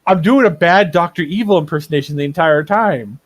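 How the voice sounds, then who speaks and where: A man's voice: on the high side, brisk, no echo. A man running a tabletop game as game master, rambling through tangents and repeating words as he builds his point.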